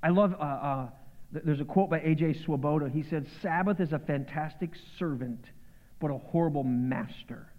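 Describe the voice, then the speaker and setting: A male pastor preaches in a relaxed, joking way and breaks into animated bursts now and then. His voice sits fairly high for a man. The sound is thin and phone-like, with a long reverb from a big church hall. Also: moderate pace. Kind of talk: sermon.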